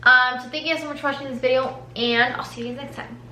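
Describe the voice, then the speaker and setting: High, bright-voiced teen girl chatting. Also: steady tone, fast talker. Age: teens. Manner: chatty, slangy, heavy use of "like". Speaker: vlogger. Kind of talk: casual mukbang chat to camera. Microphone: camera mic. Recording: roomy echo, faint background hum.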